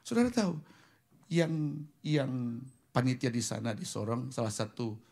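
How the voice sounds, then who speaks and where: Husky pastor, whispers then shouts. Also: male voice, mid-range voice, unhurried. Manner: swings from hushed whispers to loud exclamations, mixes in English words. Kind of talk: sermon. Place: church.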